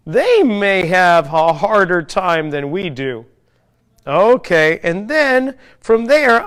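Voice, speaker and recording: A man with a notably high voice runs a kids' exercise class. He talks them through each move while doing it himself, cheering them on and asking friendly questions. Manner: encouraging, asks the kids playful questions; demonstrates while moving, narrating his own steps. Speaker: fitness trainer leading a kids' P.E. class. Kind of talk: guided children's exercise class.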